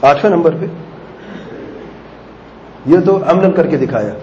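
Mellow-voiced man preaching in a roomy hall. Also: on the high side, expressive, lo-fi sound, slight background noise. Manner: conversational, acting out family dialogues with rhetorical questions. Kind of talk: sermon on parenting.

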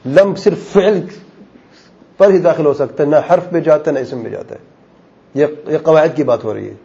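A man's voice: a little high, gravelly, mellow. Man teaching, quizzing his class. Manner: patient, questioning, explains rules step by step. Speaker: Arabic grammar teacher. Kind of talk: classroom lesson, quizzing students. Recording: dull lo-fi recording with faint noise.

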